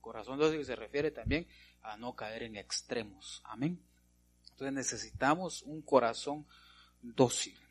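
A man's voice: medium pitch, measured pace, husky. A male pastor preaching a sermon, punctuating his points with repeated amens and rhetorical questions to the congregation.

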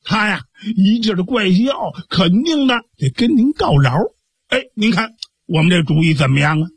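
A man's voice: high voice, animated, normal speed, gravelly, husky, no room sound, exaggerated voice. A man with a Beijing accent voicing chatty, scheming old village neighbors in a storytelling radio performance. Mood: coaxing. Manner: gossipy, coaxing, colloquial.

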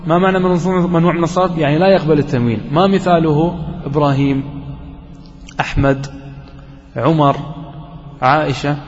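Guy teaching grammar to a class, voice on the high side, quizzing then answering himself, long hall echo, muffled recording. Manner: explains slowly, asks the class questions and answers them himself. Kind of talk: classroom lesson.

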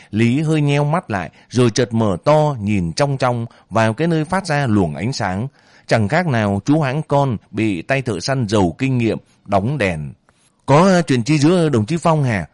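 Rich: A man with a middle-pitched voice narrating a novel at a slow, measured pace. The recording is close and dry, with no room sound. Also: dry recording. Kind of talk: audiobook narration.

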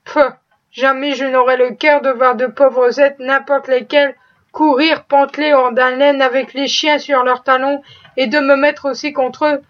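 A rough, kind-hearted old farmer who speaks bluntly and swears freely, as a woman reading the story puts him on. The voice sits high, and the recording sounds dull and lo-fi. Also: little pitch movement, a little slow. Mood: gruff.

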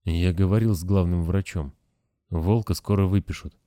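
A man voicing a tired, kindly older male caretaker who talks gently and patiently. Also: deep voice, steady tone, moderate pace, no room sound, studio quality, lightly acted. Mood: weary, gentle.

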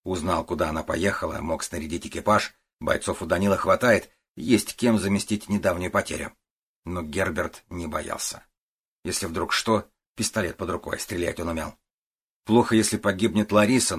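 A man narrating an audiobook in a steady, even storytelling manner. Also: deep voice, fairly quick, slightly rough.

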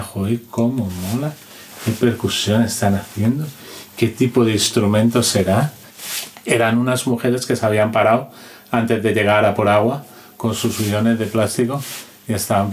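A man with a Spanish accent and a fairly low-pitched voice appears as an interview guest, a sound and music analyst telling anecdotes in a casual, colloquial way. He checks in with little tag questions and acts out what people said. There's slight background noise.

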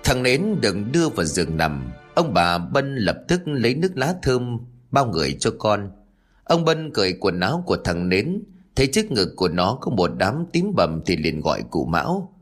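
Lively low-voiced male ghost story narrator. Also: soft background music. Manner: measured, expressive.

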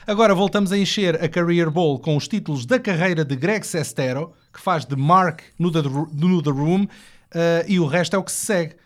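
A man hosting an interview in a playful, teasing way. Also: fairly high pitch. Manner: playful, teasing, quick bursts. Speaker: podcast host.

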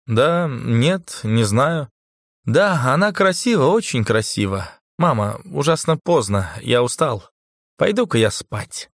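An easygoing young man, as a male narrator voices him in an audiobook. He speaks softly and affectionately at a middling pitch, much like the reader's own voice. The recording is dry and close. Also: expressive, takes it slowly, no echo. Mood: gentle. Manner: soft, affectionate. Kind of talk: audiobook character voice.

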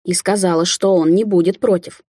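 A greedy, covetous young man murmurs slowly and quietly, as a woman reads him in an audiobook. The voice is dark and husky, barely shifted from the reader's own. The sound is dry and close. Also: on the low side, fairly even intonation, no echo. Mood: sulky.

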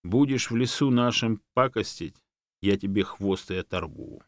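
A man voicing a bossy male bear who rules the forest, speaking loud and domineering in a storybook reading. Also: fairly low pitch, animated, moderate pace, no echo. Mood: scolding.

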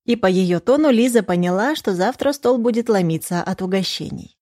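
A woman narrating an audiobook in a steady reading voice, with the characters' dialogue read in that same voice. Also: mid-range voice, brisk, no room sound, studio quality. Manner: reads all characters in the same voice. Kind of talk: scripted narration.

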